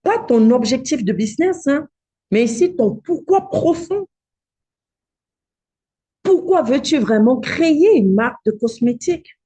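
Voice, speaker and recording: A woman's voice: high voice, very animated, measured pace, pauses often, dark tone, slightly rough. A woman coaching a live online workshop, direct and encouraging, asking her audience rhetorical questions. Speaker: cosmetics business coach hosting a live challenge.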